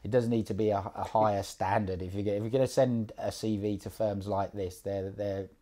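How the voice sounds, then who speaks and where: A job placement mentor with a very low, dark voice gives casual one-on-one advice in an easygoing, unhurried manner. He's relaxed, repeats words and fills pauses with ums, his pitch barely moving.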